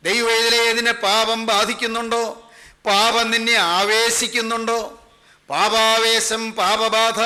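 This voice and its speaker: Guy preaching a sermon, super high bright voice, keeps stacking up questions, calls ppl son and daughter. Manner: rhetorical questions repeated in long chains; addresses listeners as son and daughter.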